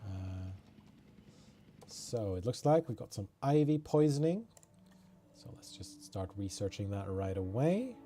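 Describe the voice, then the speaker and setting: Muttering and poking fun at himself, a man from Norway gives casual commentary while streaming a video game; Norwegian is his first language. His lowish, mellow voice is very animated, at a measured pace with frequent pauses.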